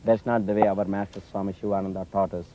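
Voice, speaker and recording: Flat-voiced man on an old recording. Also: sits low, quick pace, highs cut off, noisy background. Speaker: spiritual teacher. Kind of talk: talk to students.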